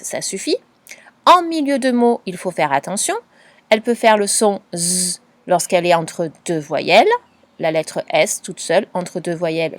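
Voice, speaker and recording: A woman teacher giving a patient, clearly spoken dictation lesson to a young pupil, spelling out letters and sounds. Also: mid-range voice, dry recording. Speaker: primary school teacher.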